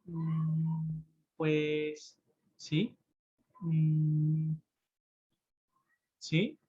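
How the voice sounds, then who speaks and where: A man leads a sign language lesson at a slow, patient pace and keeps checking that his students follow. The sound is dull and lo-fi, as if heard through a video call. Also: fairly high pitch, monotone, warm tone, breathy edge. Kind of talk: online class explanation.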